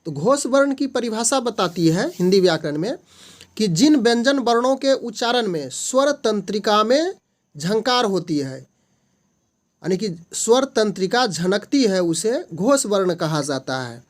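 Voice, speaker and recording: A slow, unhurried tutor walks through multiple-choice grammar questions one by one. Each definition comes patiently, step by step, with single letters and syllables sounded out in turn. The voice sits at a middling pitch. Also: very animated. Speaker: online tutor.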